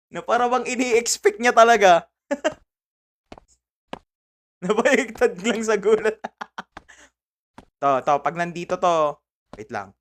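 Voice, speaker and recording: A man's voice: high-pitched, very animated, slow, pauses often. A man from the Philippines live-streaming a horror game, chatting casually with viewers, laughing a lot and yelping when startled.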